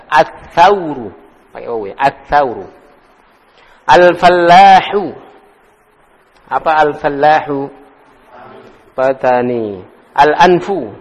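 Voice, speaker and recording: A man teaching an Arabic class, calling on students by name and drilling words in a casual manner. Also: fairly high pitch. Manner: drills students, calls on them by name, chuckles. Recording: echoey hall.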